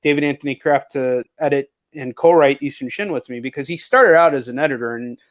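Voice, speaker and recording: A comic book writer and publisher hosts an interview, chatting casually in a brisk, mid-range voice. He's blunt and swears often.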